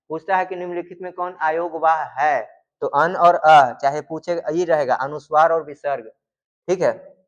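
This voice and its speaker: A man's voice: high-pitched, lo-fi sound. A man teaching in a classroom-style lecture, asking questions and answering them himself, and drawing out sounds to demonstrate them.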